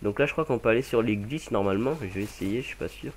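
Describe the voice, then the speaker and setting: A man's voice: lowish voice, fast talker, a little hiss or hum. A young man casually commenting over a game mod demo, rambling with many fillers and self-corrections. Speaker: gaming channel host.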